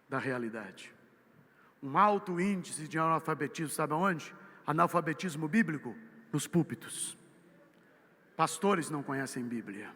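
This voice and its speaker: A Brazilian man with a Brazilian Portuguese accent preaching a sermon, swinging from loud emphatic peaks to low, quiet asides. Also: slightly rough. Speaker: missionary preacher. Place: church. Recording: church hall with long reverb.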